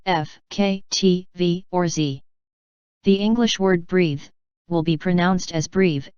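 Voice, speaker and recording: A woman reading scripted educational narration in a measured, formal, explanatory way. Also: fairly low pitch, darkish tone, smooth, no room sound, dull audio.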